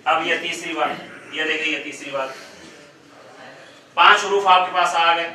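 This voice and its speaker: A man teaching Quranic pronunciation to a class, slowly drawing out and repeating each letter sound. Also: on the high side, bright, forceful tone. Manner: slow, drawn-out demonstration of letter sounds. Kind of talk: classroom tajweed lesson. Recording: echoey room, mic far off.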